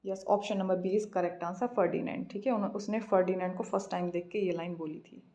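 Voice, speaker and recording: A woman's voice: on the low side, steady tone, mellow. Woman teaching exam questions. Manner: reads questions slowly, explains in Hindi-English mix. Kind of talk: exam practice lesson.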